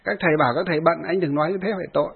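A man's voice: fairly high pitch, fairly even intonation, racing, gravelly, slightly rough. A man doing a pleading old woman. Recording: tinny phone-like audio.

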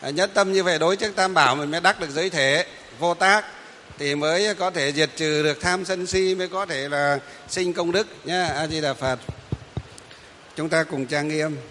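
Man, monk, slightly raised voice, patient instructions, halting fillers, faint background noise. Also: a little high, sharp tone, big-room sound. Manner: patient, repetitive, many hesitant fillers. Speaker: Buddhist monk leading a refuge ceremony. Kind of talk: instructing a kneeling congregation.

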